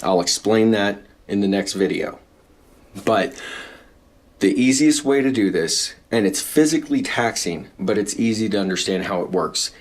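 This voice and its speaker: A man teaching a singing lesson, explaining breath control and demonstrating breathing with audible gasps. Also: lowish voice. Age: adult with young daughter. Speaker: vocal coach.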